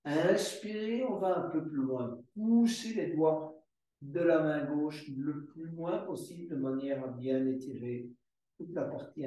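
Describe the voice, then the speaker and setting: Slow, echoey man guiding yoga. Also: a little high, mellow. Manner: slow, drawn-out breathing cues. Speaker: yoga teacher. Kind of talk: guided yoga class instruction. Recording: very echoey room, voice from far off the mic.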